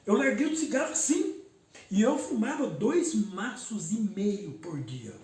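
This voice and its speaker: A man's voice: sits high, animated, a little slow, darkish tone. A man, a pastor telling an emotional personal testimony in an emphatic way, repeating words for weight. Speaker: pastor giving his testimony. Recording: roomy echo, distant mic, faint background noise.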